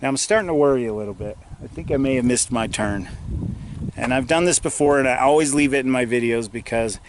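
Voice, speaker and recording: A man's voice: medium pitch, brisk, noisy background. Chatty man vlogging on a hike. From Utah, USA. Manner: chatty, talks to the viewer while hiking. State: out of breath. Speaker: outdoor vlogger. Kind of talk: casual hiking vlog. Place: outdoors on a mountain trail.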